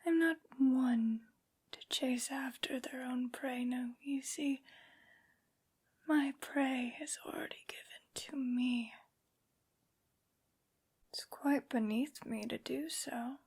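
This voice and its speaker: A woman voicing a haughty, vengeful aristocratic vampire lady in an ASMR roleplay, in a breathy whisper with taunting, mockingly sweet phrasing. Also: sits high, slow pace, pauses often, darkish tone, full character voice.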